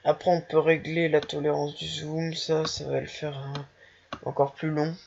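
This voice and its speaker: A speaker casually walking through a software tutorial while thinking aloud, hesitant and self-mocking. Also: medium pitch, flat delivery, moderate pace, vocal fry, over loud music. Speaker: tutorial maker. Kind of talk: casual screen-recorded software walkthrough. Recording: dull lo-fi home recording.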